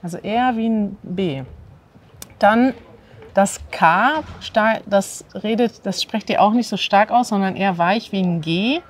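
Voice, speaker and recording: This host, a woman in her thirties from northern Germany, uses standard German to run a language lesson, and her clear, animated prompts get her guest repeating words. Her pitch is medium and she goes a little slowly. She's outdoors in a courtyard by an ivy-covered wall, with a little hiss or hum on the recording.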